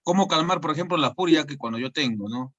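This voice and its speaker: A man's voice: fairly high pitch, expressive, fast, fairly bright tone, dull audio. A man asking a question in a session, hesitant and restarting as he searches for words. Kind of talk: casual question.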